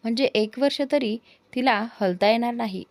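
A woman's voice: fairly high pitch, moderate pace, no room sound, natural voice. A woman voicing an easygoing young man who teases his friend in a spoken storybook. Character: calm, generous young man, teasing friend.

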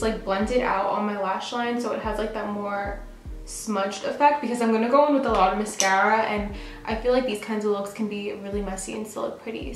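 A woman's voice: mid-range voice, echoey room, poor audio. A young woman from New York chatting casually while doing her makeup at home, filling her talk with "like". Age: young adult. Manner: chatty, lots of "like" fillers. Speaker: beauty vlogger. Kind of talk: get-ready-with-me chat. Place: bathroom at home.

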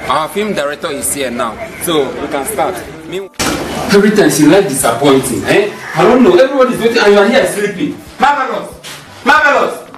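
A man's voice: fairly high pitch, animated, moderate pace, lightly acted. A man with a West African accent playing an exasperated young film crew leader in an amateur comedy skit. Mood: complaining. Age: young adult. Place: outdoor yard between buildings. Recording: echoey, music behind.

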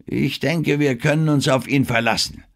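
A man doing a calm, hushed old captain. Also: medium pitch, normal speed, pitched above the performer's own voice, lightly acted.

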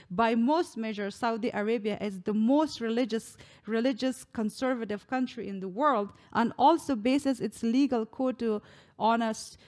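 A young woman from Afghanistan giving a read keynote speech into a stand microphone, earnest, with frequent small restarts. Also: on the high side. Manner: earnest, reading from notes with restarts. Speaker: keynote speaker. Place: indoor room. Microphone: stand mic close to mouth.

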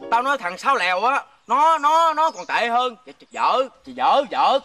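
A man's voice: very high-pitched, very animated, normal speed, bright, forceful tone, no echo, recorded from a distance, faint music behind, full character voice. A man playing a stuttering, boastful city gambler in a stage comedy sketch, repeating syllables constantly. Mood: stammering.

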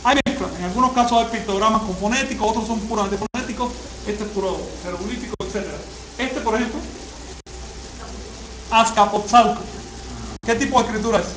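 A man teaching a classroom lecture, often asking the class questions and pausing on fillers. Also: high voice. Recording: echoey room, faint hiss.

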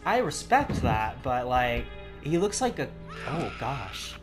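Low-voiced, lively woman gaming. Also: takes it slowly. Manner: playful, jokey banter. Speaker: let's play co-host. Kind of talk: casual gameplay commentary. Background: game music.

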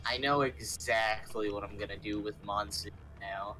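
A man playing a video game and chatting casually, cracking deadpan puns. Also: fairly low pitch, normal speed, music in the background. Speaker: gamer. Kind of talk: casual gaming chat.

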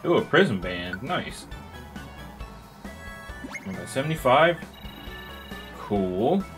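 A man's voice: mid-range voice, measured pace. A young man playing through a video game, reading the dialogue aloud and joking crudely between lines. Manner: casual, crude, joking, puts on voices for characters. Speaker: let's play gamer. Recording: game music playing behind.

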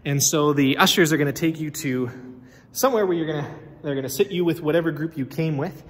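In a reverberant, empty church with faint ambience, a pastor in his thirties records a casual walkthrough on a phone held out at arm's length. He speaks briskly in a slightly high voice, often using fillers and restarting sentences.

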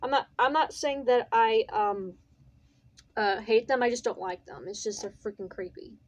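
Retelling what happened in the videos she's reacting to, a young woman chats and rambles at a moderate pace, repeating herself along the way. She has a fairly high voice, recorded lo-fi in a small bedroom with faint room noise.

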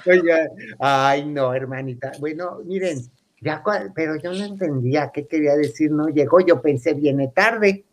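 A man with a Mexican accent telling a comic wedding story in a camp, chatty way, often laughing and acting out the voices of the people he quotes. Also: a little high. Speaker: comedic storyteller. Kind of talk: comic anecdote told to a live audience.

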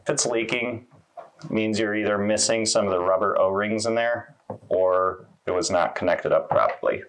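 A man in his thirties casually walking through a laundry installation step by step in a small laundry room, relaxed and conversational. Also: lowish voice, moderate pace. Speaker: installation demonstrator. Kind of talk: casual how-to walkthrough.

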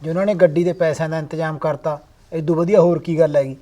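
A young man plays a greedy, cocky groom who talks fast. Soft music plays underneath. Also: a little high, steady tone, close to an everyday voice.

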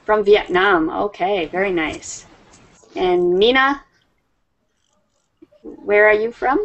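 A woman's voice: mid-range voice, slow pace, muffled recording. A woman in her fifties teaching an online English class on a video call, patient and friendly with her students, laughing often. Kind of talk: slow, friendly class talk. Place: home room, indoors. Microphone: webcam on video call.

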